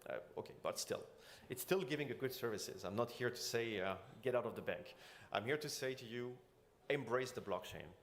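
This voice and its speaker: A man's voice: mid-range voice, expressive, a little fast. A man giving an earnest keynote talk at a conference, with frequent restarts and fillers. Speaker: conference speaker. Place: conference stage.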